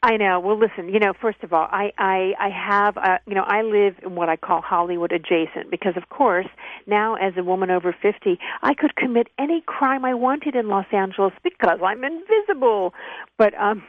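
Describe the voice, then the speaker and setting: A self-mocking woman in her fifties tells stories in a chatty, animated way as an interview guest. Her voice comes over a thin, tinny line. The sound is dry, with no room around it. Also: mid-range voice, a little fast, no room sound. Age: 50s. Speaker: author and actress guest. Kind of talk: radio interview chat.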